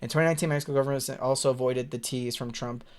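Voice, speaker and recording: Male streamer, mid-pitched voice, casual live commentary, rambling, stumbles over words, blunt, sweary. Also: steady tone, rapid-fire, clean tone. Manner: profane, blunt, exasperated. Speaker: streamer reading and commenting on news.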